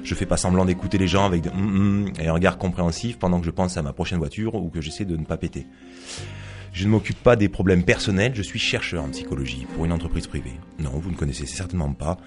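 A man's voice: low-pitched, close to an everyday voice. A man reading as a sneering rational psychologist. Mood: scornful. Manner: dry, mocking monologue with asides to an unseen listener. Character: sardonic rational male psychologist narrator, scornful of belief. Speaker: author reading his novel aloud. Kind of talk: read-aloud first-person fiction.

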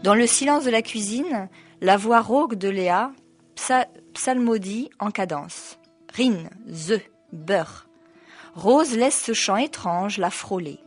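A woman's voice: on the high side, lively intonation, a little slow, soft background music. A woman reading a novel aloud, breaking off for hesitant spoken asides full of fillers. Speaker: reader.

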